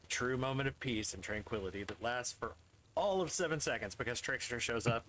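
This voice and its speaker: A man's voice: medium pitch, a little fast, a little hiss or hum. A man streaming a dating game, reading its narration aloud with wry, amused, laughing asides. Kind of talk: casual game narration and commentary. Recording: loud game music behind.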